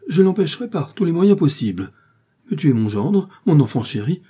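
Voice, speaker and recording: A man's voice: mid-range voice, lively intonation, unhurried, warm tone, breathy edge. A man voicing a fussy, anxious older mother-in-law who keeps pressing questions and grows frantic. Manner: prying, insistent questions, then frantic pleading.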